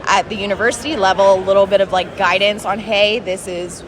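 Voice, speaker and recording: A woman's voice: medium pitch, steady tone, a little fast, crowd noise. A young adult woman giving casual, loosely hedged interview answers at a conference event. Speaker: grad student interviewee. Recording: clear background noise of event.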